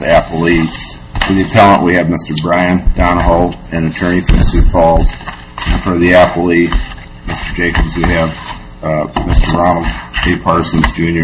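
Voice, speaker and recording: A man's voice: low-pitched, poor audio. An American man speaking as presiding judge, making formal courtroom announcements.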